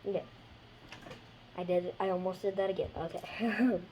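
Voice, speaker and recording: Slightly hoarse chatty female craft host. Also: fairly low pitch, fairly even intonation, normal speed, noisy background. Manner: chatty, rambling, trails off mid-sentence. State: slightly hoarse, losing her voice. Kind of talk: casual how-to chat.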